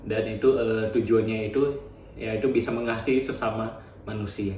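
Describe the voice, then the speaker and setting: Flat-voiced young man, far off. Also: fairly low pitch, echoey room, slight background noise. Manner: halting, with many fillers. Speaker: interviewee. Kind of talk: casual interview answers.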